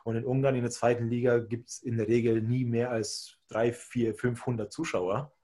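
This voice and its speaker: A man's voice: medium pitch, moderate pace. Hungarian-born man telling a story casually. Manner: rambling, self-correcting, animated storytelling. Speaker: podcast co-host. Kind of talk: casual chat, personal storytelling.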